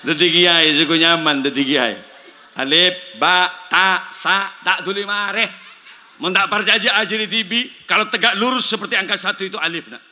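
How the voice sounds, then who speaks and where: Bright-voiced Madurese preacher joking. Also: male voice, on the high side. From Madura, Indonesia. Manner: jokey storytelling, mixing languages, acting out dialogue. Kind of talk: comic sermon. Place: outdoor village gathering.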